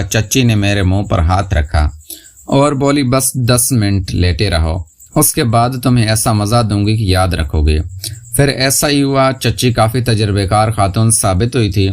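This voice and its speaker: Man, storyteller, scripted first-person narration, steady reading, mid-pitched voice.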